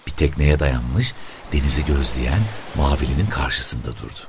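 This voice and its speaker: A man reading a literary story aloud in a deliberate, descriptive way. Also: extremely low pitch, a little hiss or hum. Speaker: narrator.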